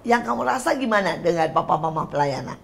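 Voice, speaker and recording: Low gravelly older woman host. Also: expressive, a little fast. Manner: chatty, teasing, laughs often. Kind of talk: casual talk-show interview.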